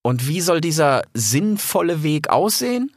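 A man's voice: on the high side, big pitch swings, a little slow, no echo, clean studio sound, heavily acted. A man voicing a young grey male fox in a storybook, jumpy and stubborn, stammering when flustered. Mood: indignant. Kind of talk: audiobook character voice.

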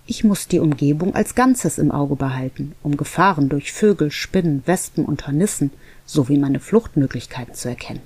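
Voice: mid-range voice, expressive, normal speed, a little mellow, breathy edge. A reader voicing a curious, probing bumblebee who keeps asking questions, in an audiobook. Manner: inquisitive, probing, upbeat. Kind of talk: audiobook reading.

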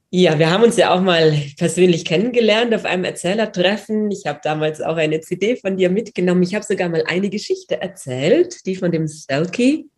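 A woman hosting a podcast interview, speaking in a measured, welcoming way. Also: on the low side, expressive, a little mellow. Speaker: podcast host.

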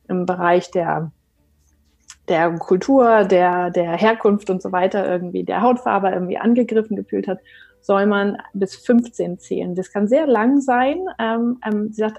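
Husky woman podcast host, chatty interview, lots of ums and restarts. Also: medium pitch, darkish tone. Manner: hesitant, many fillers. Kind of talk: conversational interview.

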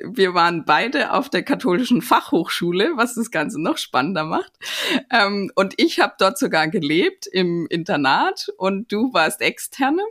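Slow-talking woman hosting a podcast. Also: medium pitch, fairly bright tone. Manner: chatty, storytelling. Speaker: podcast host. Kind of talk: casual podcast interview.

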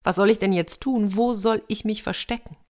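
A woman's voice: medium pitch, steady tone, moderate pace, darkish tone, voice pushed up, close to an everyday voice. A woman voicing a desperate young male soldier in a told fairy tale, pleading and plaintive.

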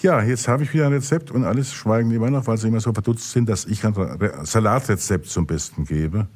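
Low-voiced man with dry humor. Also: fairly quick, a little mellow, breathy edge. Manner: dry, self-ironic humor. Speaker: podcast co-host. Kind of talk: casual chat.

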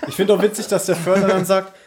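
A man chatting casually on a podcast, reviewing an audio drama, animated and laughing often. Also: high-pitched, fast talker, a little hiss or hum. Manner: animated, laughs often, quotes lines in put-on voices. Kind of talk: casual chat.

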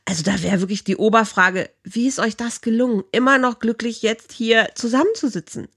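A woman hosting a podcast, chatty and quick to laugh. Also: a little high, a bit bright, breathy edge. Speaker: podcast host. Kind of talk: casual interview talk.

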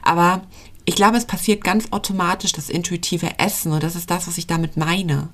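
A woman's voice: lowish voice, fairly even intonation, a little fast, fairly bright tone. A woman coaching on intuitive eating in a podcast monologue, earnest and pleading as she speaks straight to the listener.

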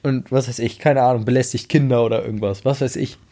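Mellow-voiced German man, hesitant chat. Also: mid-range voice, fairly even intonation, quick pace. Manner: hesitant, many restarts and fillers. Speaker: podcast co-host. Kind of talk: casual debate chat.

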